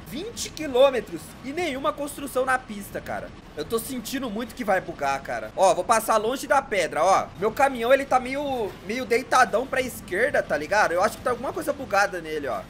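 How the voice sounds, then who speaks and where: Brief: young Brazilian man, casual gameplay commentary, bright lively voice, loud exclamations and constant slang. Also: high-pitched, slight background noise. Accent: Brazilian Portuguese. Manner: exasperated, complaining about bugs. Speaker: gamer.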